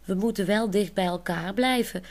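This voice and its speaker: A woman voicing a cheerful young woman in a wheelchair who is excitable and quick to fret. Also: medium pitch, lightly acted.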